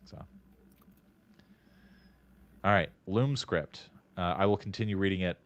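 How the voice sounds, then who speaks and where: A man with a lowish voice jokes his way through a casual critique. He is wry and often stumbles over the first words of a sentence before settling in. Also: measured pace. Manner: jokey, wry, stammering starts. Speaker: co-host reviewing copywriting.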